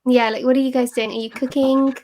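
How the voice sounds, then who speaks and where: A woman's voice: high-pitched, quick pace, a crowd in the background. A British woman, a photographer, chatting playfully and laughing often on a live stream. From Britain. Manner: playful, giggly, animated. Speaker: fine art photographer, co-host of live chat. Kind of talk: casual live-stream chat.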